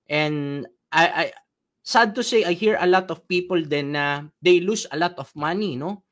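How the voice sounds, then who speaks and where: A man's voice: fairly high pitch, unhurried, fairly bright tone. A man leading an online training session, telling a story, asking the audience questions and laughing at his own tale.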